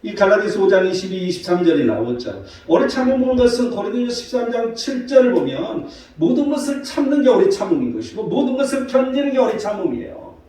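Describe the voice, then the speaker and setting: A man's voice: high voice, very animated, quick pace, few pauses, mellow. A male pastor giving a Sunday morning sermon in a church sanctuary, citing scripture and posing rhetorical questions to the congregation. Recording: very echoey hall from far off.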